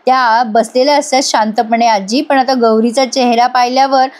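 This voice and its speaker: A woman's voice: a little high, steady tone, moderate pace, a little mellow. A woman narrating a chatty recap of a TV serial, addressing her viewers directly. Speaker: serial reviewer. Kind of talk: storytelling recap.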